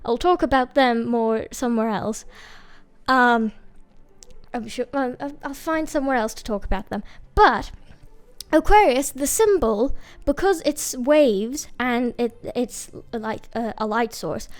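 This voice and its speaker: Woman chatting over her art process, kinda high voice, lots of ums and restarts, pokes fun at herself. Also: measured pace. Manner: rambling and hesitant, many fillers and restarts; self-mocking, laughs at herself. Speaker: digital artist. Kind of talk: casual voice-over commentary while drawing.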